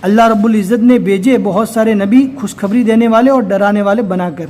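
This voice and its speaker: High mellow guy teaching quran reading, patient step by step explaining. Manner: explains slowly and step by step, then recites in a slow chanting voice. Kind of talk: recorded recitation lesson.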